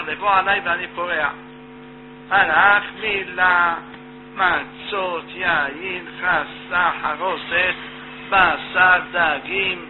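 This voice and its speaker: A man teaching Torah, retelling a Talmud story in a lively, loose way in short phrases. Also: sits high. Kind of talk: telling a Talmud story in a lesson. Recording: tinny phone-like line with mains hum.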